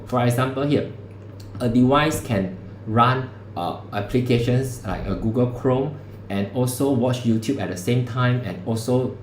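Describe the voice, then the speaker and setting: Teaching on a livestream, this man has a fairly low, darkish voice and a relaxed, conversational manner dotted with local particles. Sound comes through a streaming setup mic in an echoey room with a faint hum behind it.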